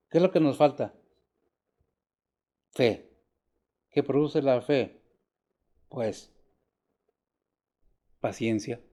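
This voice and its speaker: An older man preaching a sermon, asking rhetorical questions and swinging from emphatic rises to quiet drops. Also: medium pitch. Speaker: pastor.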